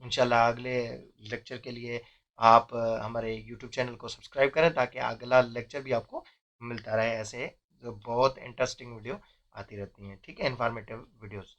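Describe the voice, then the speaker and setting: A man's voice: mid-range voice, steady tone, normal speed, fairly bright tone, muffled recording. A young man, teaching a math lesson step by step and often checking in with "theek hai".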